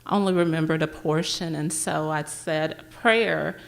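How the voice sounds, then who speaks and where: A woman reading her own poems aloud at a public library event, with a measured, gentle recitation. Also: low-pitched, fairly even intonation, gravelly.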